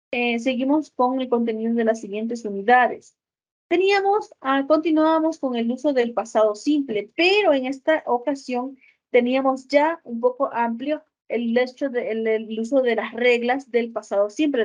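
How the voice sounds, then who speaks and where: A woman teaching an English grammar lesson, explaining step by step and often checking with a quick "ok?". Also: fairly high pitch, darkish tone, poor audio. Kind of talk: recorded school lesson.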